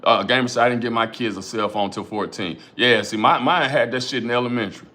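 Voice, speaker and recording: A fast-talking middle-aged man with a mid-range voice runs a relaxed livestream and reads out what viewers type. Animated and foul-mouthed, he talks rhetorically, keeps speaking to chatters by name, and repeats phrases like "you know what I'm saying."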